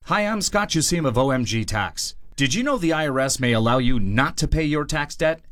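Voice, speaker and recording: A man giving a scripted advertising pitch as a company spokesman. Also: expressive, a little fast, fairly bright tone, dry recording, studio quality.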